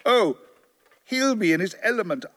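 An actor playing an eccentric, blithely unconcerned middle-aged alien time-traveller in an audio drama, breezy and theatrical. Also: male voice, high voice, animated, normal speed, fairly bright tone. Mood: cheerful, boastful.

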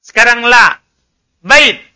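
A man's voice: very high voice, lively intonation, slow pace, pushed and bright, smooth. A man teaching an Arabic class, drilling students and correcting their pronunciation. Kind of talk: classroom language lesson.

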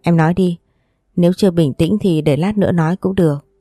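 A woman's voice: on the low side, brisk, dry recording, studio quality, close to an everyday voice. A woman voicing a kind young mistress of a wealthy house, soothing and coaxing as she speaks. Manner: gentle, soothing, persuasive.

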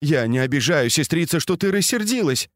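A man's voice: on the high side, animated, brisk, dry recording, clean studio sound, pitched above the performer's own voice, natural voice. A man reading an audiobook and voicing a meek, tearful noble wife who pleads and defends herself. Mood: pleading.

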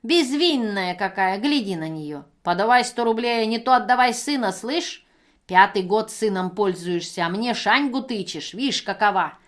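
A woman reader voicing a brazen drunk vagrant woman who shouts shrilly and wails. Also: medium pitch, normal speed, few pauses, natural voice. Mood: shrill demanding.

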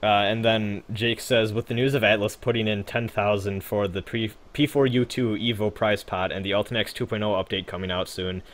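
A man's voice: fairly low pitch, steady tone, a little fast, hardly any pauses. A young man co-hosting a gaming podcast, chatting casually in a rambling, laid-back way with frequent swearing and fillers. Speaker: podcast co-host.

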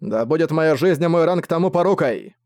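A man voicing a solemn heavenly angel in an audiobook, speaking calm and formal. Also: a little high, a little fast, no echo, clean studio sound, voice pushed up, natural voice.

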